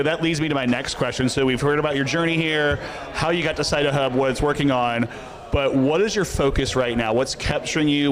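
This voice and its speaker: A man hosting a conference interview, friendly and jokey in his small talk. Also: medium pitch. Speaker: interviewer, host. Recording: outdoor recording with crowd noise. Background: crowd chatter.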